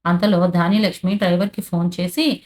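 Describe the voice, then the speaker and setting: A woman hosting a channel, narrating a recap of a TV serial episode in a plain, steady storytelling way with habitual filler phrases. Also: fairly low pitch, brisk.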